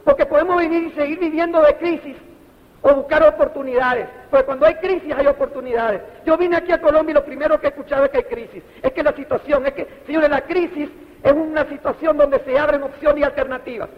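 High-voiced man preaching success. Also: fairly even intonation, quick pace. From Panama. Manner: preachy, addresses the audience directly with rhetorical questions. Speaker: motivational speaker. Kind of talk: motivational speech to an audience. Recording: dull, echoey hall recording.

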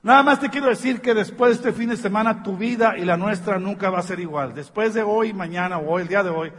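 A man with a Mexican accent presenting a business seminar on stage, joking and halting with many fillers. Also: high-pitched, fairly bright tone, husky. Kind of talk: speaking on stage to an audience. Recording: long hall reverb.

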